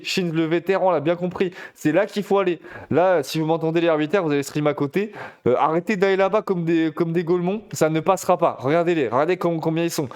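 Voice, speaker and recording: A man casting a competitive shooter match live, chatty and excitable, talking straight to his viewers. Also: fairly high pitch. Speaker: esports caster. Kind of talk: live game commentary.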